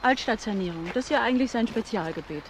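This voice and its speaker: Being questioned as a witness, the character, an office employee and frank, forthcoming single mother in a German crime radio drama, speaks conversationally and explains openly. The actress's voice is fairly high and animated at a quick pace, with a little hiss or hum in the recording.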